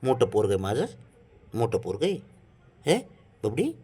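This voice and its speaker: A man coaxing and doting on his pet cat in soft baby talk, repeating gentle pleas over and over. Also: mid-range voice, big pitch swings, moderate pace. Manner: repeats soft pleading commands. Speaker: cat owner vlogger. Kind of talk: casual home pet vlog.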